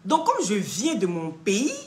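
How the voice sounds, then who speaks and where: A woman's voice: medium pitch, wildly swooping pitch, a little slow, darkish tone, roomy sound, a little hiss or hum. A young woman, telling a story on a casual live stream. She acts out both sides of the dialogue and keeps checking in with her listeners.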